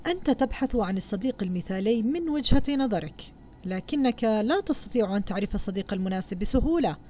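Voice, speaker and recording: A woman teacher voicing a calm wise old man who gives measured advice, in a read-aloud storybook lesson. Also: medium pitch, a little hiss or hum, natural voice. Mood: confident.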